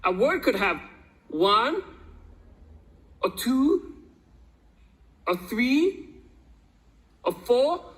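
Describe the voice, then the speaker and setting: A performer voicing a cheerful, excitable cartoon guide in a children's video, bouncy and exclaiming. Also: medium pitch, drawn-out words, long pauses, full character voice, low-quality recording. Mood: bubbly. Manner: bouncy, exclaiming, laughing between lines.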